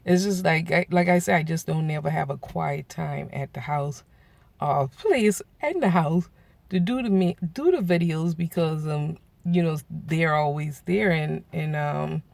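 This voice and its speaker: Gravelly-voiced man in his forties, dry sound. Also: on the high side, measured pace, dry recording. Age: 40s. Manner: animated, acts out quoted voices, laughs often. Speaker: vlogger. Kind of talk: casual storytelling to viewers.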